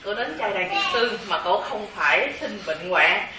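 A woman's voice: medium pitch, animated, moderate pace, noisy background. A woman, earnestly recounting her own experience to a monk. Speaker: temple visitor telling her experience to a monk. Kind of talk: personal testimony in a Buddhist talk. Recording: echoey hall, distant mic, crowd behind.

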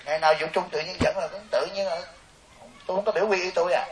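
A man's voice: high-pitched, fast. A man, a Buddhist monk giving a joking, storytelling dharma talk to lay listeners. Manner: animated, joking, storytelling with quoted voices. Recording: hissy distant recording.

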